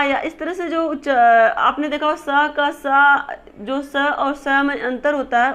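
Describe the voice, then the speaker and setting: A woman's voice: high-pitched, fairly bright tone. A woman teacher recording a lesson for exam preparation, explaining each answer step by step and rephrasing her points.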